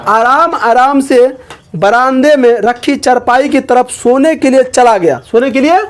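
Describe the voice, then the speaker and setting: Very high-voiced man teaching. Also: a little slow. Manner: repeats lines and checks understanding with questions. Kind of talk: explaining a textbook chapter to students.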